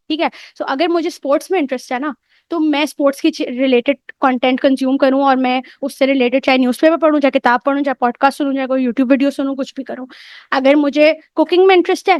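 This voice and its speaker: A young woman gives a casual English lesson, mixing English phrases into her Urdu and often checking in with her students. Her voice sits high. The recording is close and dry, with no room sound. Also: dry recording. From Pakistan. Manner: mixes English into Urdu, often asks "theek hai?". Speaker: English teacher. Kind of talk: casual online lecture.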